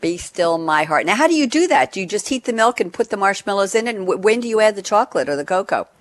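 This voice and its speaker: A woman's voice: medium pitch, expressive, fast, no room sound. An older American woman hosting a radio show in a chatty, playful, theatrical way, repeating phrases for effect.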